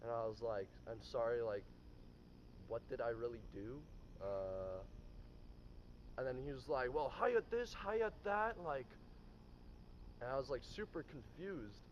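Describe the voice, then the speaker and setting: A man's voice: medium pitch, measured pace. A young man telling a story casually, with lots of fillers and swearing. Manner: loose, profane, filler-heavy storytelling. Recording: dull lo-fi recording with noise.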